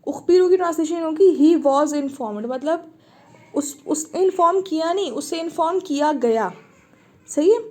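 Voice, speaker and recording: A woman's voice: sits high, expressive, unhurried, warm tone. A woman teaching Arabic grammar in an online lesson, explaining patiently, repeating the words and checking that her students understand.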